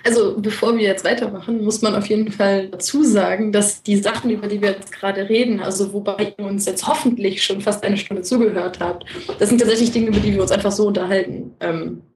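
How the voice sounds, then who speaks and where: A woman's voice: medium pitch, fairly even intonation, brisk, darkish tone, a little hiss or hum. A woman co-hosting a podcast in casual conversation, rambling and correcting herself. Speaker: podcast co-host. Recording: roomy, distant from mic.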